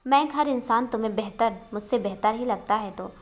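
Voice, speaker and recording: A woman's voice: a little high, fairly quick, natural voice. A woman voicing an angry, jealous young husband in a storybook reading, curt and brooding. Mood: sulky.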